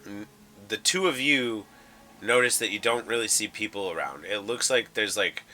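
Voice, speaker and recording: A man narrating a tabletop game as game master, halting and full of fillers as he describes the scene. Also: on the low side, pushed and bright, a little hiss or hum. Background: faint background music.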